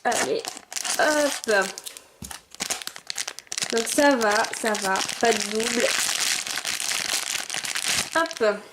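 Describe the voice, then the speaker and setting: A woman's voice: on the high side, extremely slow, pauses often, very noisy. A young woman chatting casually as she opens and sniffs collectible figurines, thinking aloud with little exclamations. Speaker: vlogger unboxing collectible figurines. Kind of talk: casual unboxing commentary.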